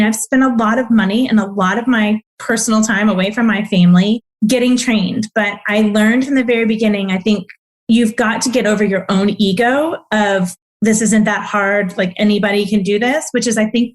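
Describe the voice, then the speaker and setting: A woman physician as a podcast guest, telling her stories in an animated, emphatic way. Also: medium pitch. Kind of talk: casual interview conversation.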